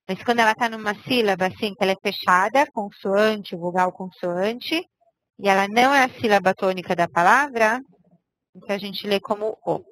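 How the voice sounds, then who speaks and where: A woman's voice: medium pitch, a bit bright, dry recording, rough recording. A woman teaching a language lesson, patiently explaining step by step and checking in with her students. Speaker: Hebrew teacher.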